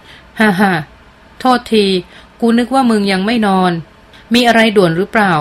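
A woman's voice: medium pitch, moderate pace, lightly acted. A woman reading aloud and voicing an earnest young man who presses his friend bluntly with anxious questions. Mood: sleepy.

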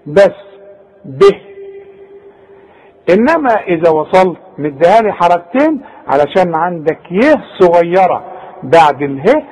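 Over poor audio, a man with an Egyptian Arabic accent gives a tajweed lesson, teaching Quran recitation rules directly to the student and demonstrating each word. His voice sits high, with a darkish tone and a breathy edge.

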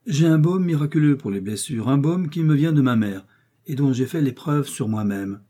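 A man's voice: mid-range voice, lively intonation, normal speed, dark tone, close to an everyday voice. A man reading the lines of a young, polite and brave Gascon swordsman, earnest and courteous.

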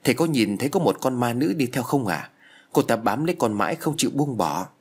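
Tearful young woman, pleading, read by a male narrator, husky voice. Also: mid-range voice, expressive, fairly quick.

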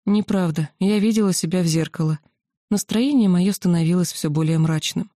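A woman narrating a fantasy novel in the first person, with a steady, expressive reading. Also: fairly low pitch, normal speed, dry recording, studio quality. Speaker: audiobook narrator.

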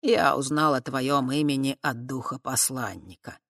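A reader voicing a calm, kindly fat horned man who speaks softly and deliberately. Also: medium pitch, vocal fry, dry recording, studio quality. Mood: gentle. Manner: slow, soft, measured. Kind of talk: audiobook character voice.

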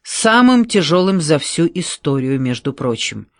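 A man's voice: a little high, very animated, measured pace, no echo. A man voicing a huge, boastful male former rower who brags between breaths, read on a dry close mic.

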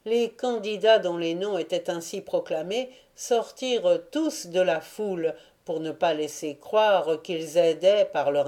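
Slow, dark-toned woman narrator. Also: on the low side. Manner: measured, deliberate reading. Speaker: audiobook reader. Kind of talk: literary audiobook narration.

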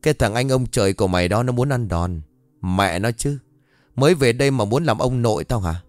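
A man's voice: medium pitch, animated, fairly quick, no echo, clean studio sound, faint music behind, natural voice. A man voicing a drunk, insolent young village thug with a slurred, rude drawl.

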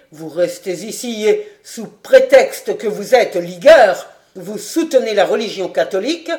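A woman's voice: lowish voice, roomy sound, natural voice. A woman reading an audiobook voices a stern, scornful old male marshal who scolds with contempt.

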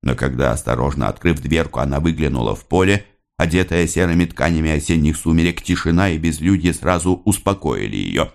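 A man narrating an audiobook with measured, dramatic storytelling. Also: a bass voice, creaky.

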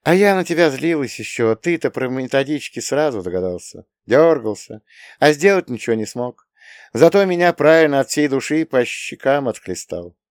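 A guilt-ridden young woman lieutenant weeps as she talks, her voice pitched high and pleading, put on by a man reading an audiobook. It swoops around a lot and sounds dry and close, with no room around it. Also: animated, moderate pace, no room sound, lightly acted. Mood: guilty. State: crying. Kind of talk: audiobook character voice.

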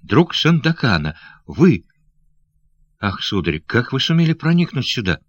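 A man's voice: mid-range voice, big pitch swings, unhurried, highs cut off, pitched above the performer's own voice. A man voicing a young noble lady who is anxious and loving, speaking in breathless, pleading questions.

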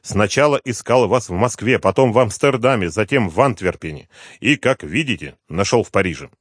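A male audiobook reader voicing a calm, commanding middle-aged detective who speaks firmly and in a controlled way. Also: fairly low pitch, a little fast, no room sound, clean studio sound, voice pushed up. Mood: cool. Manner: firm and controlled, rising to stern lecturing.

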